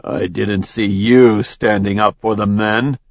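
A man's voice: fairly low pitch, steady tone, takes it slowly, dry recording. A man voicing a furious, snarling king of the gods in an audiobook, in a slightly dull, dry recording. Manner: snarling, angry. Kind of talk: audiobook character voice.

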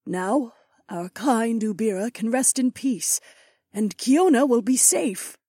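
A man voicing a gentle, grateful young queen in an audiobook, speaking softly. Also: very high-pitched, expressive, slow pace, breathy edge, dry recording, clean studio sound, voice pushed up, full character voice. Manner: soft-spoken, gentle. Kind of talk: audiobook character voice.

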